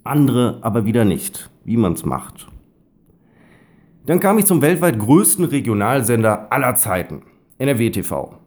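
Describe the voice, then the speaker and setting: A man's voice: medium pitch, very animated, moderate pace, a little mellow. A man in his thirties with a Westphalian accent, reading his own blog text aloud in a wry, self-ironic way and stressing words heavily. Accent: Westphalian German. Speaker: blogger and voice-over speaker.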